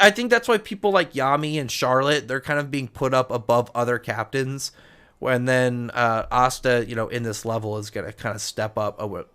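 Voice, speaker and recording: A medium-pitched, slightly bright male voice belongs to a streamer loosely chatting with his audience and going over their comments. His delivery wanders, jumping between tangents and repeating points.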